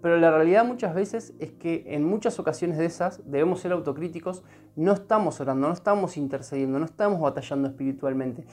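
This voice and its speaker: Speaking fast in a deep, slightly mellow voice, an Argentine woman delivers a heartfelt devotional sermon. She repeats phrases often and keeps checking in with those listening.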